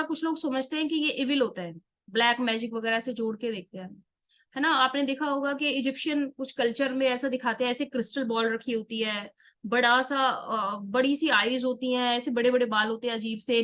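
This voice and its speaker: An Indian woman with a high, light voice leads an online tarot workshop. She explains each point step by step, often asking a question and then answering it herself. English words slip easily into her Hindi. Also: brisk, a bit bright. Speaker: tarot teacher.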